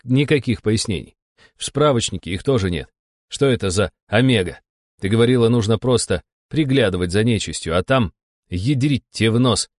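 A man's voice: lowish voice, animated, moderate pace, darkish tone, no echo, studio quality. A man voicing a blunt, frustrated young male inquisitor in an audiobook. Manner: blunt, frustrated, plain-spoken. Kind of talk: audiobook dialogue.

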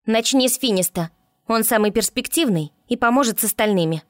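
Woman doing a storybook water spirit, high voice, bossy, snappy, scolding, dry close sound. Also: animated, brisk, no room sound, natural voice. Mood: commanding.

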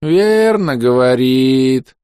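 A man voicing a lecherous old male ghost who drawls slowly in a bleating, blissful way. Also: mid-range voice, lively intonation, a little mellow, clear, resonant tone, no echo, clean studio sound, voice pushed up.

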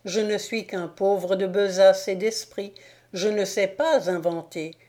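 A woman's voice: mid-range voice, measured pace, warm tone, close to an everyday voice. A woman reading an audiobook, voicing a wretched male devil disguised as an old slave who pleads and groans in self-pity. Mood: wheedling.

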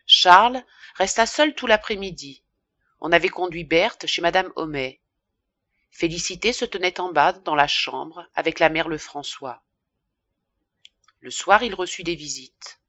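A woman narrating a classic novel as an audiobook in a measured, even reading. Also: lowish voice, no echo. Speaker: audiobook reader.

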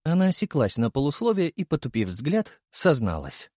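A man reads a first-person audiobook with lively, swinging intonation. His delivery is expressive and vivid. The recording is dry and close, with no room sound. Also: fairly high pitch, normal speed, no echo. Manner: expressive storytelling. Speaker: audiobook narrator.

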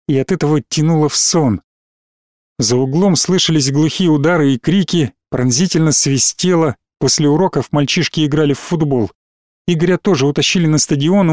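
Guy narrating a novel, measured, kinda high voice, dry booth sound. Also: darkish tone, no room sound. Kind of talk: scripted audiobook narration.

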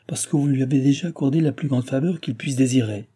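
A man's voice: mid-range voice, fast talker, dark tone, breathy edge, pitched above the performer's own voice, lightly acted. A man voicing an offhand, easily bored king in an audiobook reading. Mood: teasing.

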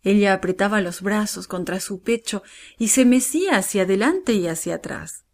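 A woman reads a Bible story to children, warm and expressive, her voice rising and falling widely. Her pitch sits in a middle range. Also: normal speed. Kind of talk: scripted narration for children.

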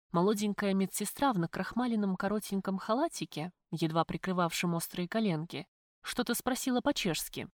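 A woman reading a first-person audiobook in an even, measured way. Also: medium pitch, no echo, studio quality. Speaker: audiobook narrator.

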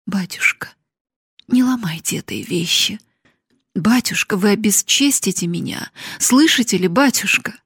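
A woman voicing a desperate young daughter who begs her father loudly, in an audiobook reading. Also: lively intonation, unhurried, husky, no echo, studio quality, exaggerated voice. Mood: desperate pleading. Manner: pleading, high and loud.

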